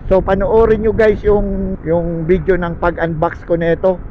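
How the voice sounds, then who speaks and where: A man's voice: sits high, little pitch movement, normal speed. A man talking from inside a helmet, giving a chatty, jokey motovlog review of it. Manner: chatty, jokey, keeps saying guys. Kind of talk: casual vlog review. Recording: dull muffled sound with faint noise.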